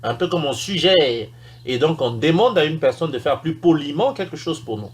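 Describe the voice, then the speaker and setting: Lively high-voiced man teaching English. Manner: explains slowly, repeats English example sentences with emphasis. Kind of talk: recorded language lesson.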